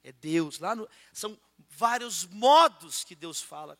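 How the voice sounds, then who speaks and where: A man with a Brazilian Portuguese accent preaching a sermon and praying in a church auditorium, switching between loud prayer and softer asides. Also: high voice, expressive, slow pace, big-room sound. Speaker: pastor.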